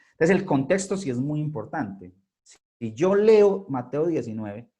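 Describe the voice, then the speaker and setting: Guy teaching bible on a video call from home, chatty, keeps checking in, middle-pitched voice. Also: warm tone. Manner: conversational, often checks in with listeners. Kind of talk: online Bible class.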